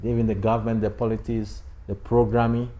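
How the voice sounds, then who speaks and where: Male studio talk host, mellow dark voice, emphatic and repetitive, sermon-like urging. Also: lowish voice, flat delivery, a little fast. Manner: emphatic, repeats key phrases, urges viewers to subscribe. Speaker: channel host. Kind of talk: conversational spiritual talk show.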